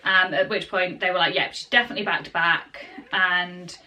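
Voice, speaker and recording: A young woman telling her birth story to camera at home in a chatty, casual way, full of fillers and soft asides to the baby in her arms. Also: on the low side, steady tone, moderate pace. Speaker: parenting vlogger.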